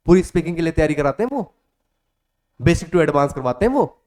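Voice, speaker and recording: A man's voice: on the high side, expressive, brisk, darkish tone. A male coaching teacher speaking. He gives a motivational class talk, repeats his points over and over, calls the students "beta" and sometimes acts out student voices.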